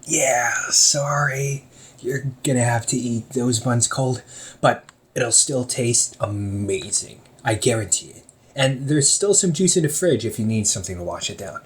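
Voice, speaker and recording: Speaking at a measured pace in a mid-range voice close to his everyday one, a man voices a young older brother who runs a hobby shop. The mood is casual as he chats, teases, and laughs a lot in a one-sided roleplay aimed at the listener.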